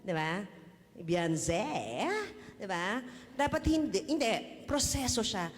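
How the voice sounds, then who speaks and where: A woman's voice: medium pitch, sing-song, slow pace, big-room sound. A woman with a Filipino accent giving a casual personal faith testimony, chatty, laughing often and tossing in tag questions. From Philippines. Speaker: church testimony speaker.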